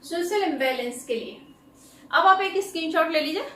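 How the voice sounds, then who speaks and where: A woman with an Indian accent teaching English words in Hindi, spelling them out letter by letter and reading example sentences very slowly. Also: very high-pitched, animated, fairly bright tone, reverberant, far from the mic, poor audio. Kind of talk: Hindi-English vocabulary lesson.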